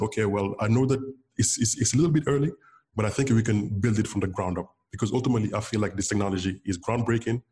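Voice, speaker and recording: A bitcoin developer from Senegal, whose first language is Wolof, appears as an interview guest. His voice is lowish and a little mellow, and he talks casually with many fillers and restarts.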